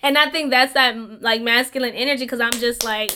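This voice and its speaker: A woman's voice: fairly high pitch, fairly even intonation, fairly quick, background noise. A woman co-hosting a podcast, chatting casually with many fillers and laughs. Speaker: podcast co-host. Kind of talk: casual chat.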